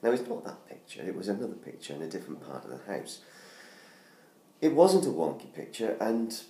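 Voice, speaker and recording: Filmed up close on a tablet camera by the Christmas tree in his living room, a middle-aged UK man makes a casual promo video for his book. Hoarse from laryngitis, he chats with lots of ums and restarts in a deep, warm, sing-song voice at a brisk pace. The audio is roomy, with faint background noise.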